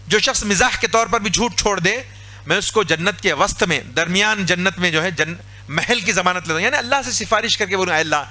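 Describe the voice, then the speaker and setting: A man preaching a sermon in a mosque, lively and conversational, acting out everyday scenes. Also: high voice. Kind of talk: Urdu sermon.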